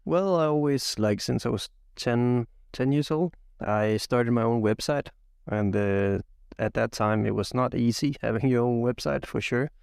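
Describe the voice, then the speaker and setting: A young man who grew up in Belgium, co-hosting a casual podcast as a software engineer, talking haltingly with many fillers but with enthusiasm. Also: medium pitch, creaky, clear, resonant tone, no room sound, clean studio sound. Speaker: podcast co-host.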